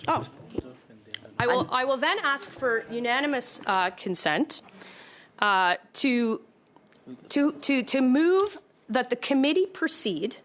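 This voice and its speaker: A woman member of parliament arguing her point in a committee hearing, halting and repeating herself but insistent. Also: high-pitched, lively intonation, fairly bright tone, a little hiss or hum. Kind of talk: committee debate.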